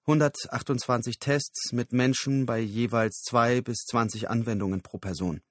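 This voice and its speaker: A man's voice: medium pitch, steady tone, moderate pace, no room sound, clean studio sound, natural voice. A man voicing an earnest, somewhat awkward male product researcher.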